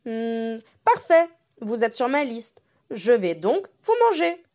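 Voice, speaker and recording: A woman's voice: a little high, very animated, slow, warm tone, highs cut off. A woman voicing a hungry but sentimental male wolf who muses and grumbles to himself. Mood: musing.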